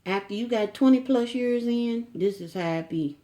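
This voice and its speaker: A woman's voice: on the high side, normal speed, dark tone. A middle-aged woman chatting casually to camera at home, folksy and teasing, with frequent asides to her viewers. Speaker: vlogger.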